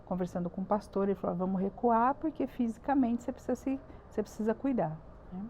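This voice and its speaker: A woman with a Brazilian Portuguese accent, a church ministry leader, appears as a podcast guest giving an earnest, emphatic personal testimony and repeating words for stress. Her medium-pitched voice is fast and dark in tone, with slight background noise.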